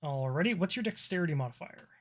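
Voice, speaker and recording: Casual man running a tabletop game, higher-pitched. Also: expressive, quick pace. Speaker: game master. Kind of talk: narrating an online tabletop roleplaying game.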